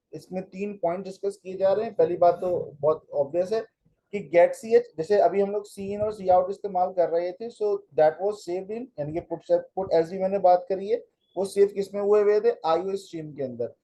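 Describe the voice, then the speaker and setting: A man's voice: high-pitched, mellow, slight background noise, low-quality recording. A man teaching a computer lesson, explaining each step of a program as he runs it and mixing in English phrases. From Pakistan. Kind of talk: classroom lecture with live coding.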